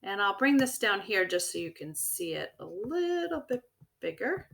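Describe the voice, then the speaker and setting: A woman teacher giving a recorded vocabulary lesson to young children, explaining clearly and encouragingly and checking in with "right?" and "okay?". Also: medium pitch, very animated, normal speed, fairly bright tone. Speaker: elementary school teacher.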